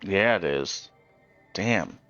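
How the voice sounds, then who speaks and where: A man with a smooth, low voice patiently explaining game mechanics, stopping often with ums as he works through his thoughts. He sounds tired from an early start. The sound is slightly dull and lo-fi, with faint music in the background. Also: expressive, extremely slow, a bit bright, no room sound. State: tired, awake since early morning. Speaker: co-host guiding a friend's game. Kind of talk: casual let's play chat.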